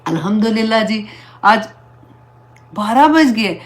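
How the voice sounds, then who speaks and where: A woman's voice: mid-range voice, expressive. A woman Islamic teacher giving an earnest, pleading religious talk, slipping English words into her speech.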